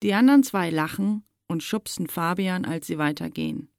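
A woman narrating a children's storybook in a measured, expressive way. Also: lowish voice, dry recording, clean studio sound.

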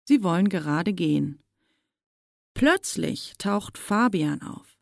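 A woman narrating a children's storybook in a measured, expressive way. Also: lowish voice, gravelly, no echo, studio quality.

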